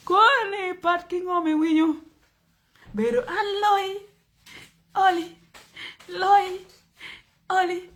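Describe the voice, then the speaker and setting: A woman's voice: very high-pitched, a bit bright. A young Ugandan woman with a Ugandan accent hosting a casual livestream chat, playful and teasing, laughing often with her viewers. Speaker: livestream host.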